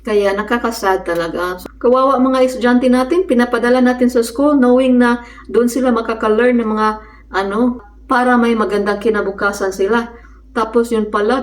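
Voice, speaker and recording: A woman from the Philippines chatting casually while she cooks at home, telling stories and laughing often. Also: on the high side. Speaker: vlogger. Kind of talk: casual chat while cooking. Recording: echoey room, mic at a distance.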